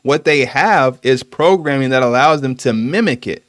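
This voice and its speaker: A man hosting a casual podcast livestream, explaining things calmly with frequent fillers. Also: medium pitch, no room sound, studio quality. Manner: explanatory, measured, with many fillers. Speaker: podcast host.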